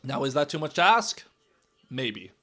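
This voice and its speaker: Very animated yet at a measured pace, a hoarse young man with a cracking, raspy voice gives casual live commentary on the game, reacting with loud calls one moment and low muttering the next.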